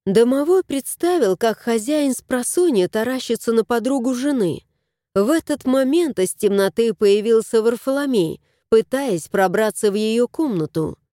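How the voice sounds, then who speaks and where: A woman narrating a storybook in an expressive, lilting reading voice. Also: fairly high pitch, normal speed, no room sound, clean studio sound.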